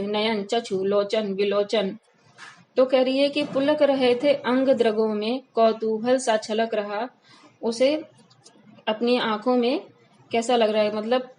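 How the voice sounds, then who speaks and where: A woman teacher reading a poem aloud slowly and explaining it line by line for students. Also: a little high, a little mellow, slight background noise, poor audio. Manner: reads verses slowly, then explains line by line. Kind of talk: Hindi poetry lesson, reading and explaining.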